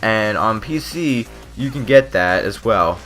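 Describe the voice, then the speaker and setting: Pitched on the low side, this man sounds animated, a little slow and somewhat bright, with faint music playing behind him. A gaming video creator, he gives loose, off-the-cuff opinions and stumbles a bit, his lip still numb from dental Novocaine and his speech slightly off.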